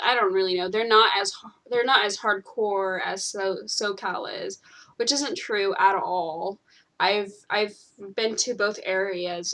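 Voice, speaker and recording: A young woman from California talks in an unhurried, casual way, pausing on ums and restarting her sentences. Her voice sits at an ordinary pitch and she takes her time. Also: fairly bright tone. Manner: rambling, full of ums and restarts. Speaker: channel host. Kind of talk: casual chat while gaming.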